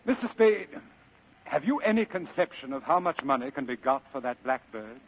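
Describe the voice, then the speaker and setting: A man's voice: mid-range voice, very animated, normal speed. Gutman, courtly sly fat crime boss. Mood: delighted, shrewd. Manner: florid, courtly, chuckling speech. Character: jovial, sly, heavyset male crime boss. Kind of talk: 1940s radio acting. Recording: muffled old radio broadcast recording.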